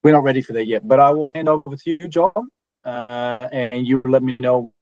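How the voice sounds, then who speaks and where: A man's voice: medium pitch, fairly even intonation, normal speed, a little mellow, no echo. A man hosting a meeting over a video call, speaking hesitantly with many filler sounds. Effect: heard through a video call connection. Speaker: meeting host introducing a rules presenter. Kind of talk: opening remarks on a video call. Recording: dull, dry video call audio.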